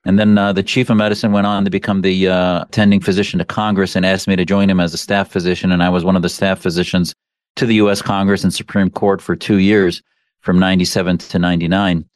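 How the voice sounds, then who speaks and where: A man from the American Midwest, a physician guest on a radio interview, speaking in a measured way with frequent pauses. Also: low-pitched, level tone, dry recording. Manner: measured, many uh fillers.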